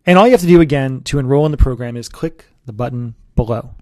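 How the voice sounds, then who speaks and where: Guy doing an earnest sales pitch for his coaching course, mid pitch, dry sound. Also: quick pace, warm tone, no room sound. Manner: earnest, persuasive, talks straight to the listener. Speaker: relationship coach.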